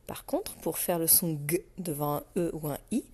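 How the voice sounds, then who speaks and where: A woman's voice: sits low, very animated, moderate pace, dark tone, slightly rough. A woman teaching phonics to a young child, speaking patiently and directly to the learner. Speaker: primary school teacher.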